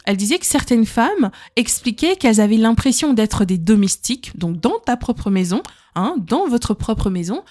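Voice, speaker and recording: Emphatic woman podcaster, slightly high voice. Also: big pitch swings, normal speed, darkish tone. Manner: emphatic, peppers speech with "hein", repeats words. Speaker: podcast host. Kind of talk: casual advice talk to listeners.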